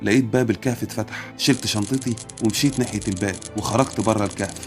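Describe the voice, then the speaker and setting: A man with an Egyptian accent narrating a comic first-person story, quick, sarcastic and lively. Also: fairly low pitch, soft background music. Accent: Egyptian Arabic.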